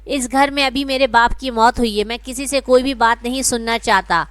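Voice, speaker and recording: A woman's voice: on the high side, clean tone, natural voice. A woman voicing a stern, grieving young man who firmly orders his family, in a read-aloud story. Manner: firm, commanding.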